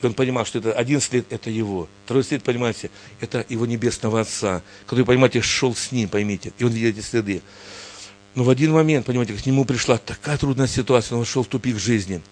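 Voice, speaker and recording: A man's voice: mid-range voice, quick pace, a little mellow. A man preaching a sermon with emphatic, repetitive appeals to his listeners. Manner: emphatic, repeats "understand, look" constantly. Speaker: pastor.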